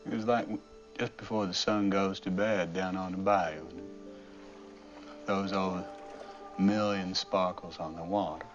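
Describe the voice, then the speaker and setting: Forrest Gump, slow Alabama drawl. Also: male voice, deep voice, fairly even intonation. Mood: wistful. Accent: lowland South Alabama. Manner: slow, halting and wistful. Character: gentle slow-witted Southern man reminiscing. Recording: dull film audio with music.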